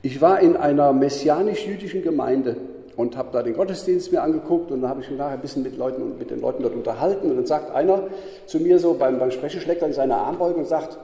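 Dark-voiced man teaching in an echoey hall. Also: fairly high pitch, quick pace, gravelly. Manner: emphatic, repetitive, frequent tag questions. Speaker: Bible teacher. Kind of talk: teaching talk. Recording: roomy echo with long reverb.

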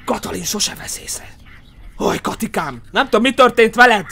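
A man with a Hungarian accent giving horror game commentary, yelling in panic at the scares and muttering low between them. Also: animated, vocal fry, faint music behind. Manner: screams and yells in panic at scares, then drops to low muttering. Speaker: gaming streamer.

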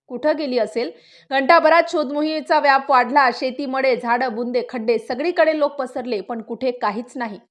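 A woman's voice: high-pitched, normal speed, hardly any pauses, fairly bright tone. A woman narrating a scripted news story in a suspenseful, dramatic style with short clipped phrases.

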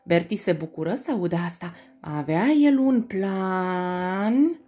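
A woman reading a children's story aloud, in an expressive, animated storytelling manner. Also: medium pitch.

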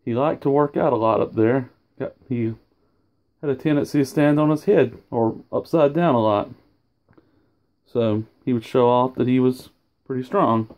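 A man with a mid-range, slightly mellow voice talks at a moderate pace as he shows his autograph collection in a casual home video. Standing over a sofa indoors, he rambles, forgets where he was going, and corrects himself.

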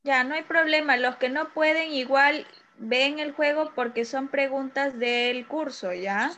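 In a high-pitched voice that sounds pushed and bright, a Peruvian Spanish-accented woman teaches young children online, going a little slowly. This primary teacher patiently reviews an exam and checks in regularly. The video-call recording carries a little hiss or hum.

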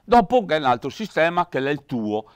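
A man's voice: a little high, very animated, fairly quick, smooth, no room sound. A man in bantering TV chat, arguing and teasing, repeating his points. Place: local TV studio.

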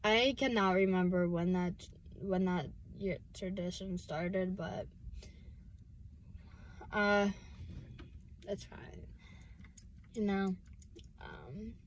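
A teenage girl chats slowly and casually from inside a car, drifting through thoughts with many pauses, fillers and restarts. Her pitch sits in an ordinary middle range. A faint hum of background noise stays under her voice. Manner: rambling and hesitant, full of fillers and restarts. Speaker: vlogger. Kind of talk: casual chat while driving.

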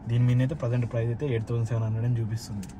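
Man, quick chatty vlog host, mid pitch, steady background noise. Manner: chatty, mixing in English words. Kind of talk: casual unboxing chat.

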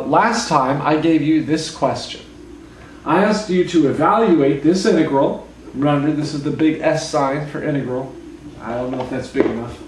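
A hungover young man teaches casually in a deadpan, slightly awkward way. His voice sits a little high. He is recorded in a roomy space at some distance from the mic. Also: slight background noise. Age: young adult. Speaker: calculus lecturer. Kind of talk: casual whiteboard lecture with joking asides. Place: living room at home, indoors. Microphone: camera mic from a few feet away.

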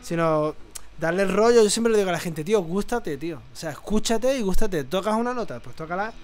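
A young man with a high, smooth, resonant voice, chatting animatedly about guitar playing and full of casual slang. Faint guitar music plays behind him. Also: fairly quick. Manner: animated, slangy, says "tío" a lot. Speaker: co-host.

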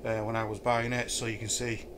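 A middle-aged man from Yorkshire talks briskly in a flat voice on the low side while casually reviewing a camping chair in his kitchen, with plenty of thoughtful ums. A camera a few feet away records him against a noisy background.

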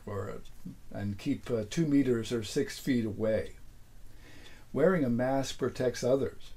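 An older man giving a casual narrated tour of his small sailboat cabin, unhurried and halting, full of fillers. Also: mid-range voice, mellow. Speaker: boat owner giving a tour. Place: small sailboat cabin, then home office.

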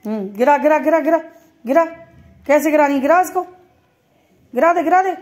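A woman's voice: sits high, lively intonation, normal speed, darkish tone. A woman filming at home, talking to her pet parrot in playful, coaxing baby-talk and teasing scolds. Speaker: pet vlogger.

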